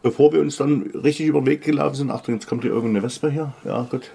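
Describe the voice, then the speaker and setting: Husky middle-aged saxon dude, easygoing podcast banter, lots of äh. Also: male voice, mid-range voice, quick pace, warm tone. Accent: Saxon German. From Saxony, Germany. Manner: loose, enthusiastic, full of fillers. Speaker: podcast co-host, DJ. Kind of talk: casual chat.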